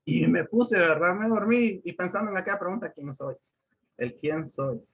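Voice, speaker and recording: A man sharing an emotional personal testimony on a video call, an animated storyteller whose voice climbs high when he gets excited. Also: normal speed, gravelly. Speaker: youth speaker sharing a testimony. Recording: muffled lo-fi video call audio.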